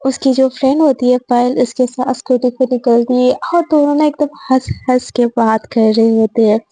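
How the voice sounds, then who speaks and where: A woman's voice: a little high, mellow, dry recording. A woman casually narrating a love story in a chatty way, mixing in English words.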